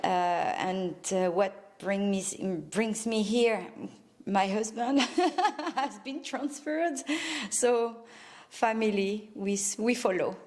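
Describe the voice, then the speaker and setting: A woman's voice: medium pitch, slow pace, a little mellow. A woman with a French accent, an interior designer speaking as a guest in a casual interview, hesitant, with many filler sounds. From France. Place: a home she designed.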